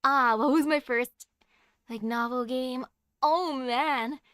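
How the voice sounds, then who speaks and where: A woman's voice: high-pitched, slow pace, fairly bright tone, smooth, no echo, studio quality. A woman streamer chatting casually and giggling while reading a game's text aloud. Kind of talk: casual game stream commentary.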